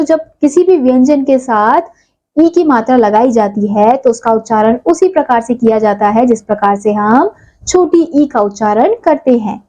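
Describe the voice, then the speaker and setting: A woman's voice: a little high, warm tone, low-quality recording. A woman teaching a primary school lesson, spelling words out sound by sound and lifting her voice on each answer.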